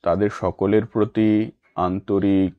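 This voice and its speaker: A man reading an exam-prep lesson in a formal, measured way, stating each question and then its answer. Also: deep voice, level tone, dry recording, phone-quality sound.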